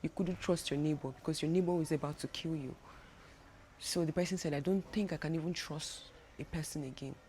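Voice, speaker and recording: A woman's voice: low voice, fairly quick, darkish tone, slight background noise. A young Nigerian woman with a Nigerian accent, talking casually to camera in a travel vlog, chatty and full of restarts. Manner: chatty, many restarts and repeated words. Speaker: travel vlogger.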